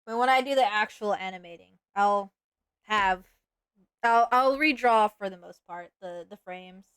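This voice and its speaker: A woman's voice: medium pitch, unhurried, fairly bright tone, clear, resonant tone, no room sound, clean studio sound. A woman streaming live as a VTuber, chatting casually and playfully while she animates, with sudden dramatic outbursts.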